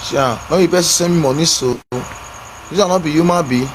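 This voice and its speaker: A man's voice: fairly high pitch, brisk, background noise. A man hosting a live stream in Nigerian Pidgin, mocking and insulting his callers between thanks for gifts. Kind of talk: livestream banter.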